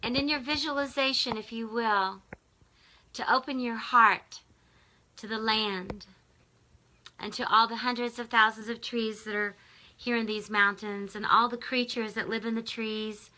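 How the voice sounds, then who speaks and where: A woman speaking in a soft, slow, prayerful way as she leads a guided visualization from her home in the mountains. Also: on the high side, fairly even intonation, poor audio. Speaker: spiritual teacher leading a guided visualization. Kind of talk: guided meditation.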